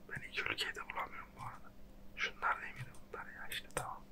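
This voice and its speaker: Close whispering ASMR game host. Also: racing. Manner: casual, slangy, self-mocking. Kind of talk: whispered ASMR geography guessing-game commentary. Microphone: close microphone.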